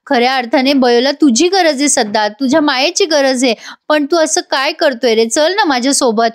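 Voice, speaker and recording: A woman's voice: high voice, normal speed, lightly acted. A woman voicing a kind aunt pleading with her brother in a serial recap.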